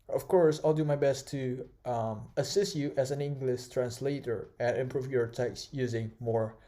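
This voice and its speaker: A young man whose first language is Indonesian teaches an online course over a screen recording, his voice fairly high and mellow. He keeps it casual, packed with fillers and "right?" checks.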